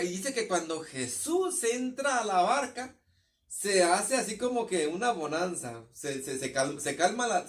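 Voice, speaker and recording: A high-pitched man with a northern Mexican accent delivers a sermon. He talks in a halting way, repeating words and restarting phrases. He is picked up from some distance away from the mic. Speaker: preacher.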